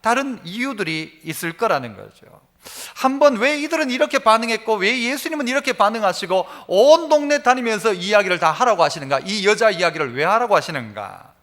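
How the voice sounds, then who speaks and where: A man's voice: sits high, big pitch swings, fairly quick, fairly bright tone. A male pastor preaching a Sunday sermon, asking the congregation one rhetorical question after another. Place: church sanctuary.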